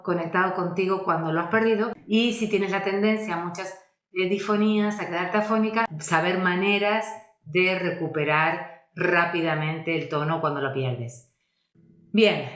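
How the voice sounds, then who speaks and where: A woman voice coach, teaching in a thoughtful way, often pausing to search for words and inviting the listener to reflect. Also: fairly low pitch, a bit bright. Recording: echoey room.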